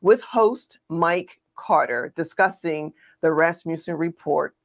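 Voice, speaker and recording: A woman's voice: sits low, slow, creaky. A woman co-hosting a political commentary show, speaking emphatically and sarcastically and addressing her audience directly.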